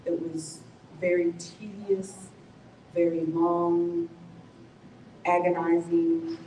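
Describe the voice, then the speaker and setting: Woman, survivor testimony, slow and mellow, echoey room, distant mic. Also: lowish voice, level tone, slight background noise. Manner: slow, reflective storytelling with self-corrections. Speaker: cancer survivor speaker. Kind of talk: personal testimony at a forum. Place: community forum venue.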